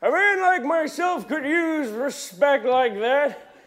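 A man's voice: extremely high pitch, expressive, slow pace, fairly bright tone, full character voice. A man performing a grumpy, nostalgic old man in a comic monologue, rambling and grumbling about how things used to be. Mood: indignant. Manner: rambling, grumbling, folksy old-timer talk.

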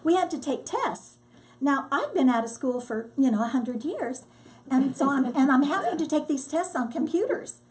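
An older woman, a disaster relief volunteer, telling her story in a lively, casual way and acting out what people said. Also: high voice, normal speed. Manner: lively storyteller, acts out quotes. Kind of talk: casual testimony.

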